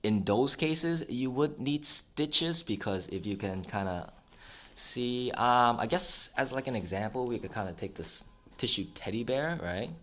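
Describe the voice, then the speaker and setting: A man's voice: medium pitch, animated, unhurried, fairly bright tone. A man explaining a dental matter in a casual, conversational way, feeling out his phrasing as he goes and often checking in with the listener. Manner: conversational, hesitant, checks in with "right?". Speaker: dental professional explaining to patients.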